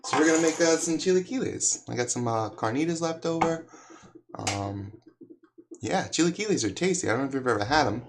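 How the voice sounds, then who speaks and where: A man's voice: medium pitch, animated, a little fast. Hungover man rambling through a noisy cooking stream. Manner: rambling, talks to himself while working. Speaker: cooking livestream host. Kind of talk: casual live cooking chat. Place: home kitchen. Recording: noisy room with clicks and clatter.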